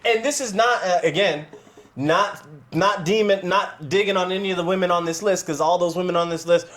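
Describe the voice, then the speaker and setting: A man's voice: high-pitched, fairly quick, a bit bright. A man co-hosting a podcast, bantering in a loose, profane, laughing way. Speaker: podcast co-host. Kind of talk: casual crude banter.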